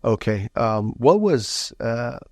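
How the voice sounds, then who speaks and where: A man's voice: medium pitch, very animated, slow, darkish tone, no room sound, clean studio sound. A man hosting a local podcast, asking long, rambling questions full of fillers. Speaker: podcast host. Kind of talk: interview podcast.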